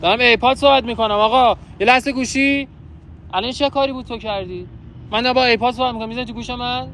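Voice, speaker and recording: A very high, slightly bright voice belongs to a young man running a hidden-camera prank in a park. He's brash and pushy, mock-scolding his targets with teasing banter, over background music and a little background noise.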